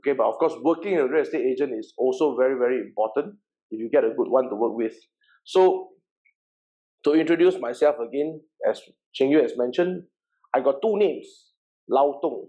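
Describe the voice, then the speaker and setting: A man in his forties with a Malaysian English accent, a workshop presenter who founded a real estate agency, tells the audience about his background in an informal seminar. His middle-pitched, mellow voice is brisk and lively, chatty and loose, repeating words and checking in with "okay." The audio sounds a little dull and lo-fi, like an online session.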